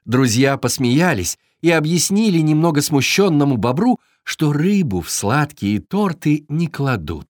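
A storyteller reading a children's fairy tale aloud in a very expressive, sing-song way. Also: medium pitch, a little slow, hardly any pauses, no room sound, studio quality.

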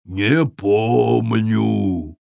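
A man voicing a huge, forgetful, bewildered male giant in a children's story, booming and slow. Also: fairly even intonation, creaky, a little mellow, no room sound, studio quality, exaggerated voice. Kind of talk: storybook character voice.

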